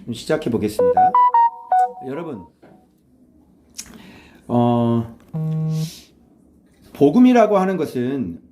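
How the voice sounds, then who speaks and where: A man's voice: mid-range voice, warm tone, slight background noise. A man preaching a morning devotional sermon in a conversational way, firing rhetorical questions at his listeners and acting out quoted voices. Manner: acts out quoted voices, switches to blunt informal speech. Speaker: pastor.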